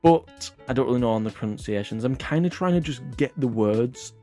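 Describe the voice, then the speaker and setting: Guy rambling on his comedy vlog, jumpy lively voice, swears a lot, laughs at himself. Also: mid-range voice, a little fast, soft background music. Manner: rambling and self-mocking, swears often. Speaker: vlog host. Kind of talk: casual comedic vlog chat.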